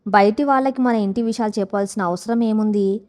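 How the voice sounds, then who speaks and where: A woman voicing a stern, controlling young husband who gives orders in a calm, quiet tone. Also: mid-range voice, fairly quick, long reverb tail, natural voice. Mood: irritated. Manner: quiet commanding tone, never raised.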